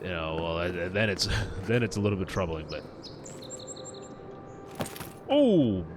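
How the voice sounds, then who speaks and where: A man's voice: deep voice, very animated, measured pace, background noise. A man doing casual live commentary on a video game as a streamer, slangy and rambling.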